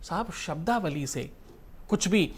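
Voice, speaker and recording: A man's voice: sits high, expressive, slow pace, breathy edge. A middle-aged man, a religious guru, answering an interviewer in an emphatic, preaching way, firing rhetorical questions and scorning his critics.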